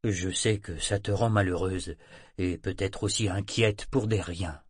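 Man doing a husky gruff sailor guy, low, coaxing then bluff, dry audiobook. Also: steady tone, unhurried, no echo. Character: burly male sailor, gruff and falsely cheerful. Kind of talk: audiobook character reading.

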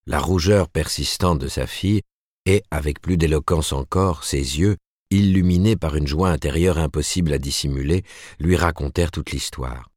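A man narrating a novel as an audiobook in a measured, even storytelling manner. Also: extremely low pitch, dry recording, clean studio sound.

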